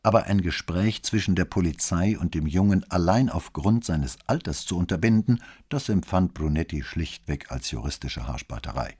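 A man narrating an audiobook novel in an expressive storytelling manner. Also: deep voice, moderate pace, few pauses, slightly rough. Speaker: audiobook reader.

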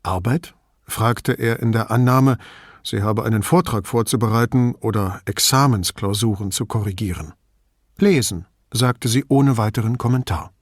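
A man narrating an audiobook in an even, measured reading style. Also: on the low side, no room sound, clean studio sound.

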